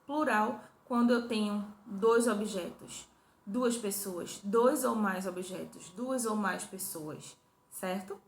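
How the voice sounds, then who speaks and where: A woman's voice: mid-range voice, takes it slowly, gravelly. A young woman teaching a review lesson to primary school children, patient and repetitive, checking in with her listeners often. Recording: echoey room, faint hum.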